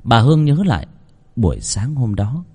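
A man narrating a scripted horror story in a dramatic, expressive way. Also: medium pitch, moderate pace, husky.

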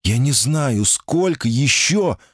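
A man's voice: medium pitch, lively intonation, slow pace, no echo, studio quality, pitched above the performer's own voice. A man voicing a timid, guarded female golem in human shape, anxious and pleading, in an audiobook reading. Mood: distraught. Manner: anxious, pleading, often cries out.

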